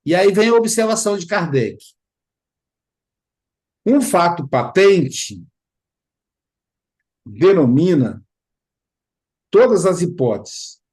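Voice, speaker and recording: A man's voice: high-pitched, slow, long pauses, breathy edge. A man hosting a study group, explaining in a casual teaching talk and livening it up with playful imitations. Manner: animated storytelling with playful imitations.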